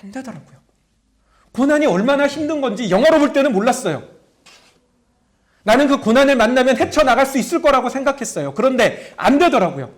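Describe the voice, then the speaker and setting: A man's voice: extremely high pitch, big pitch swings, quick pace. A middle-aged male pastor preaching a sermon, telling stories, acting out prayers and asking his congregation questions. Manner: storytelling preacher, acts out prayers in a raised voice; talks to the congregation directly, asking them questions.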